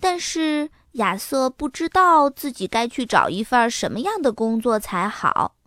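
A woman reading a children's story aloud in an expressive storytelling manner. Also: fairly high pitch, measured pace, no echo, studio quality.

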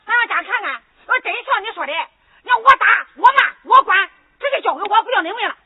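Firm old Henan mother, very high voice, tinny recording with audience. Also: expressive, rapid-fire, a loud crowd. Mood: firm reasoning. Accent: Henan dialect. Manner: firm, reasoning, pleading. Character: firm old mother defending her son. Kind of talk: comic folk opera dialogue.

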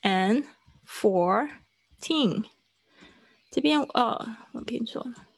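A woman's voice: on the high side, no room sound. Woman teaching English pronunciation, dry sound. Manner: slow, drawn-out pronunciation demonstrations. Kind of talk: live online lesson. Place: online class.

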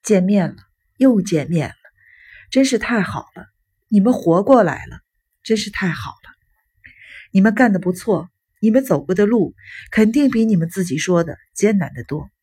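A woman's voice: mid-range voice, expressive, moderate pace, mellow, husky. A woman voicing a tearful young woman in an audiobook, speaking with choked, tender pleading. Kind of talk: audiobook narration.

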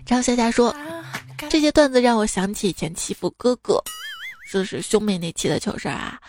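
A woman's voice: mid-range voice, expressive, fairly quick, a little mellow. A woman radio host reading listener jokes aloud in a playful way, laughing often and acting out the quoted lines. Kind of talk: lively read-aloud of funny stories with music. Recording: light background music.

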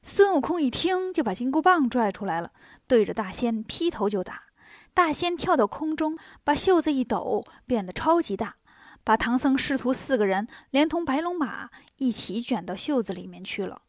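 A woman narrating a children's story in a lively, expressive, scripted manner. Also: high-pitched, moderate pace, no echo, studio quality.

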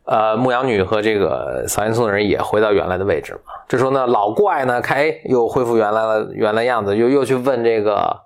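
A man's voice: fairly low pitch, animated, a little fast, few pauses. A man casually retelling a fairy tale in a chatty, loose manner. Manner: chatty, with frequent fillers and restarts. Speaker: storyteller.

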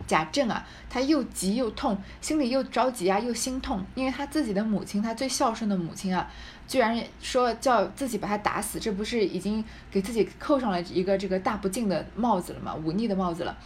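A woman's voice: mid-range voice, a little fast, slight background noise. A woman reading a classic novel aloud and explaining it in a conversational tone. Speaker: reader and commentator on a classic novel. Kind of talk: reading aloud with literary commentary.

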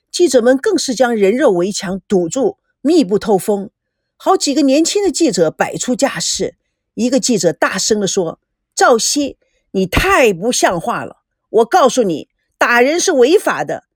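Expressive woman narrating a novel. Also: on the high side, dry recording, clean studio sound. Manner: expressive storytelling, voicing every character.

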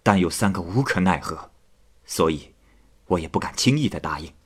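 A man's voice: deep voice, animated, moderate pace, slightly rough. A man voicing a principled young scholar who lectures earnestly in a storybook retelling. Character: upright young male scholar, stern and principled.

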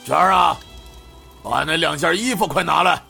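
A man voicing a kindly, warm-hearted aging innkeeper who talks in a fatherly, sighing, emotional way. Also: medium pitch, animated, normal speed, gravelly, faint music behind. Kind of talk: storytelling with voiced characters.

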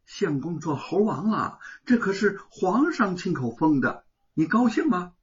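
A man's voice: sits high, very animated, measured pace, slightly rough, lo-fi sound, voice pushed up, full character voice. A man voicing a bold, doting mother. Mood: tender. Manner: firm, scornful. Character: bold woman, loving mother.

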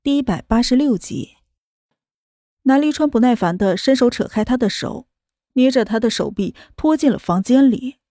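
Female audiobook narrator, warm and high, dry studio sound. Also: lively intonation, normal speed, no room sound. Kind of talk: scripted romance narration.

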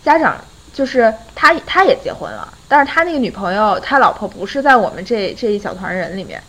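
Her voice mid-range and a little fast, a young woman hosting a podcast chats casually about a friend's story, staying lively and frequently bursting into laughter as she retells it. The recording is low quality.

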